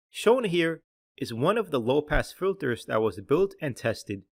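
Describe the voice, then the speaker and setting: A man with a mid-range voice works as an applications engineer, walking through a scripted software tutorial in a measured, instructional manner.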